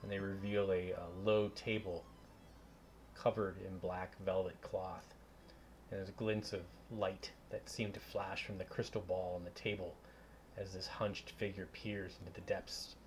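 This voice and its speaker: Low-voiced man running a tabletop game. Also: little pitch movement, slight background noise. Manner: halting, searching for words. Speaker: game master. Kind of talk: casual tabletop game narration.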